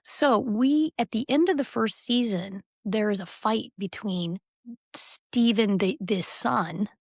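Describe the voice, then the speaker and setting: Woman podcast host, lively storyteller, dry close-miked sound, mid pitch. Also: takes it slowly, dry recording. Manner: animated storytelling, recounting reality TV scenes. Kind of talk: casual podcast chat.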